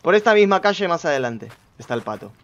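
A man giving casual gameplay commentary, chatting to himself and his viewers with sudden loud outbursts. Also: a little high, very animated, fast talker, muffled recording, a little hiss or hum. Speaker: gameplay streamer.

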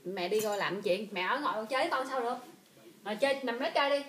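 A woman's voice: fairly high pitch, fast talker, a bit bright. Mother coaxing a baby. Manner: repetitive, coaxing baby talk. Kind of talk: home video talk to a baby.

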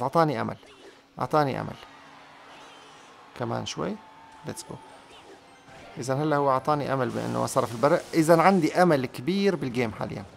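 A young man gives excitable live commentary on a mobile game, urging his units on and repeating words over and over. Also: medium pitch, gravelly, a little hiss or hum. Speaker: gaming YouTuber.

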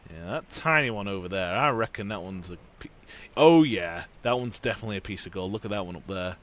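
A man's voice: on the low side, animated, fast, fairly bright tone. A man giving casual gameplay commentary while playing, joking, swearing and chatting to viewers. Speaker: gaming video host.

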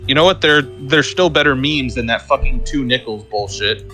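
A young man playing games with friends, joking and swearing with quick reactions. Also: medium pitch, pushed and bright, faint music behind. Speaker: guest player. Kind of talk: casual let's-play chat.

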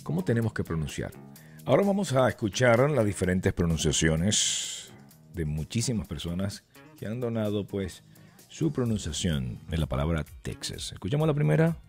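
Deep-voiced animated male announcer. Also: normal speed, gravelly, faint music behind. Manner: animated, rhetorical questions. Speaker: radio announcer. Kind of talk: casual explainer vlog.

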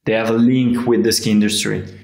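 A man, a skier answering interview questions over a video call, halting with many fillers and restarts. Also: lowish voice, flat delivery, gravelly, darkish tone. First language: French. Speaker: guest, freeride skier. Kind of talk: casual interview. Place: indoor room, remote video call. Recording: echoey room sound.

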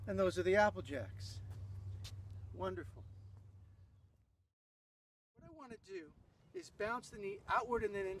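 A man teaching a dance routine, calling out steps and counts in a steady rhythm. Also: sits high. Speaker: dance instructor. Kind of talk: step-by-step dance lesson with counts. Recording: distant mic, faint background noise.

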